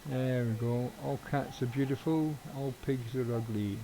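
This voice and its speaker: Middle-aged streamer, mellow tone, rambling and offhand, swears casually. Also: male voice, mid-range voice, fairly even intonation, unhurried, slight background noise, rough recording. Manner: rambling, swears casually, chuckles at own jokes. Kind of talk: casual live-stream chat while gaming.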